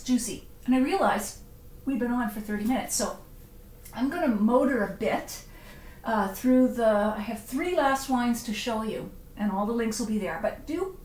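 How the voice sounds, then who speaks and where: Middle-aged lady chatting through a wine tasting, a bit high-pitched, roomy echo, faint background noise. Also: darkish tone. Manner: chatty, punning, reads viewer comments aloud. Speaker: wine writer hosting a live stream. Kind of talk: casual live-stream wine tasting. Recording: echoey room, faint ambience.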